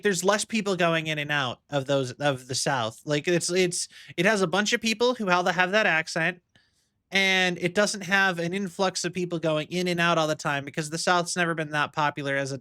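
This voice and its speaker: Young male streamer, chatty and rambling, bright clear voice. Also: on the high side, moderate pace, no echo, clean studio sound. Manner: rambling, musing, many fillers. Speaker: livestreamer. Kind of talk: casual chat while gaming. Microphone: streaming mic.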